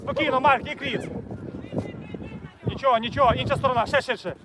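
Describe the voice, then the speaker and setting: A man's voice: very high voice, steady tone, a little fast. A man coaching a youth football team from the sideline, calling players by name and repeating short commands. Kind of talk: shouting instructions from the sideline. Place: outdoor football pitch. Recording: loud outdoor noise.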